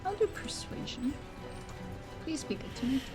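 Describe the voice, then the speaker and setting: Playful woman player, higher voice. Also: lively intonation, normal speed, over music. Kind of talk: playing a tabletop game.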